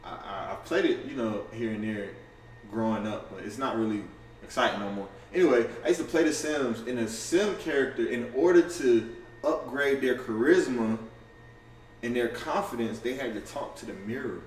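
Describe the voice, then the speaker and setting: A man in a casual livestream to camera, talking fast and loosely with lots of slang, profanity, restarts and "you feel me" asides. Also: mid-range voice, a little hiss or hum. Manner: fast and offhand. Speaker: content creator going live. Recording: roomy, distant camera audio with faint ambience.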